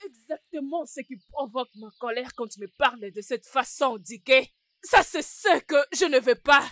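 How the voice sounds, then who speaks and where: A woman's voice: high-pitched, moderate pace, a bit bright, no room sound. A woman voicing a jealous, scheming wife in a French film dub, speaking in a harsh, commanding way. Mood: indignant. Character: jealous, scheming adult wife, cruel and threatening.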